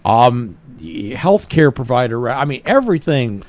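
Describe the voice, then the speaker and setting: A man's voice: medium pitch, big pitch swings, measured pace, darkish tone. A man co-hosting a political talk podcast, speaking earnestly and emphatically, often correcting himself mid-sentence. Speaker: podcast co-host. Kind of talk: political talk radio chat.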